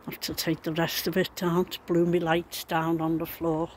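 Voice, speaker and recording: On an amateur recording with background noise, a man with a Liverpool accent and a voice on the high side gives casual, resigned video commentary, sounding downcast. He's an amateur vlogger, speaking at normal speed with a completely flat delivery.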